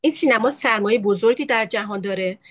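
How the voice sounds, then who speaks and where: A woman speaks on an online panel through a video-call connection. She talks in short, measured segments, pausing after each one so her words can be interpreted. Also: a little high. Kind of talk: webinar talk in short segments.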